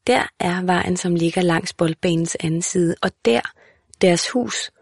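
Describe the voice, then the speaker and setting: A woman narrating a literary audiobook in a calm, measured, even way. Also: lowish voice, vocal fry, husky, no echo, studio quality.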